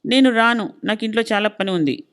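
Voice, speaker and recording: A woman voicing a soft-hearted middle-aged wife who speaks gently and pleadingly. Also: mid-range voice, fairly quick, clean tone, lightly acted. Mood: pleading gentle.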